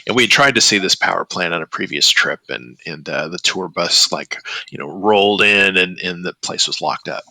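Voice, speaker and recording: A man's voice: deep voice, lively intonation, moderate pace, creaky, bright, forceful tone, no room sound, poor audio. A middle-aged man hosting a podcast in casual chat, rambling and hesitant with many fillers and restarts. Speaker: podcast host.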